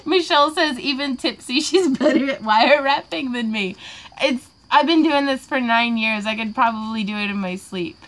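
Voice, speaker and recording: A giggly young woman with a lilt, slightly tipsy, rambles happily through viewer questions while she crafts. Her voice sits a bit high, and she laughs between sentences. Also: animated, normal speed. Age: 20s. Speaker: craft vlogger hosting a live Q&A. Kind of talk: casual livestream chat while crafting.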